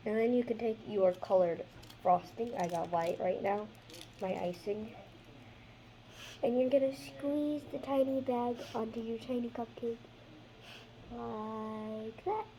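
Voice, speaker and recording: Slightly hoarse chatty female craft host. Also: fairly high pitch, takes it slowly, long pauses, dark tone, slight background noise, poor audio. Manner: chatty, rambling, trails off mid-sentence. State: slightly hoarse, losing her voice. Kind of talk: casual how-to chat.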